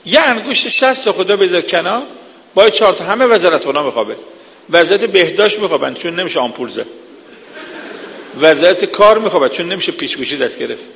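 Gravelly preacher in a reverberant hall. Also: male voice, high-pitched, animated, fairly bright tone. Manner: earnest, lecturing with vivid examples. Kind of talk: sermon.

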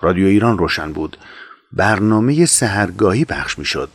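A man narrating an audiobook in a measured, calm storytelling manner. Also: sits low, husky, no room sound, studio quality.

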